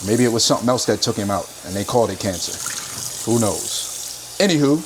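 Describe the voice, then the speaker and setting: A man casually talking through cooking his dinner in a home kitchen, laid-back and chatty with drawn-out emphatic phrases. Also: on the low side, animated, background noise. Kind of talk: casual cooking vlog chat. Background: frying and stirring sounds.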